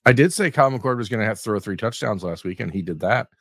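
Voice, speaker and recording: A man's voice: on the low side, expressive, quick pace, creaky, fairly bright tone, no echo. A man co-hosting a sports podcast, dry and sarcastic, talking in loose rambling runs. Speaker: podcast co-host. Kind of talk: casual sports podcast banter.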